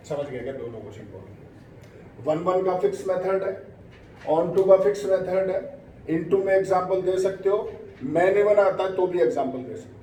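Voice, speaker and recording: High-voiced male teacher in an echoey room. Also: a little mellow. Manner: quizzing students with quick rhetorical questions; mixes English maths terms into his speech. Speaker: maths teacher. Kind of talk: exam revision lesson. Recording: echoey room, voice from a distance, faint noise.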